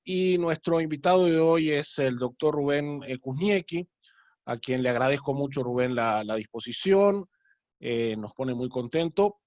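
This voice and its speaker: A man hosts a casual interview over a video call, his voice sitting a little high for a man. He speaks in an unhurried, friendly way with plenty of filler sounds. The sound is dull and lo-fi, with a very dry room. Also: a little mellow, no echo. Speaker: rabbi and host.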